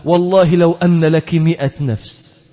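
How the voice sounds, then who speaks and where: A man preacher acting out a steadfast young man who answers his mother low, firm and tender. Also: steady tone, moderate pace, close to an everyday voice. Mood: resolute. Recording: dull reverberant hall recording.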